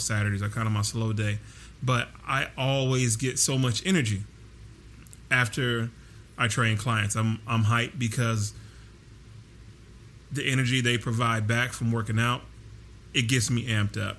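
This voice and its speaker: A man's voice: mid-range voice, fairly bright tone. A man hosting a casual solo podcast, talking directly to listeners in a conversational way. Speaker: podcast host and personal trainer. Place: at home with air conditioning running. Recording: constant air conditioner hiss. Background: hissing air conditioner noise.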